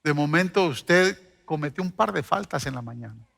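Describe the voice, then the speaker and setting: A middle-aged man preaches as a pastor, his high voice ringing bright and forceful. He tells personal stories with a joking touch to his congregation, and a long reverb hangs after his words in the church hall. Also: lively intonation, normal speed, vocal fry. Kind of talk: sermon.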